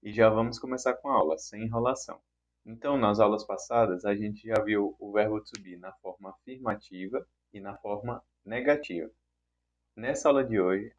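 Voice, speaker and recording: A man teaching an online English lesson in Portuguese, who repeats the example sentences patiently and clearly. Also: lowish voice, highs cut off.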